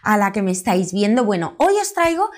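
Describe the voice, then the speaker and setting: Lively Spanish woman teaching English. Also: mid-range voice. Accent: Spain. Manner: lively, chatty, drawn-out model words. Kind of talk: YouTube language lesson.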